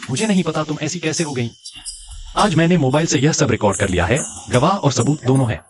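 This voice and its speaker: A man's voice: fairly high pitch, expressive, brisk, natural voice. An actor playing a suspicious, angry husband who accuses his wife of cheating. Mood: bitter. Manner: accusing, agitated. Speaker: jealous husband.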